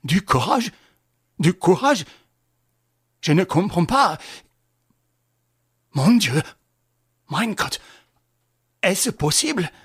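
Brief: a reader playing a terrified stammering prince, shrill and breathy, dry close sound. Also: sing-song, drawn-out words, long pauses, no echo, exaggerated voice. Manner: shrill, panicky exclamations. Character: terrified German prince, male, panicked, stammering.

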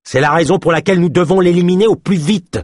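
A man's voice: sits high, quick pace, a little mellow, no room sound, studio quality, pitched above the performer's own voice. A man voicing a contemptuous male healer who bullies and barks orders. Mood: scornful. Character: scornful male healer, cruel clan bully.

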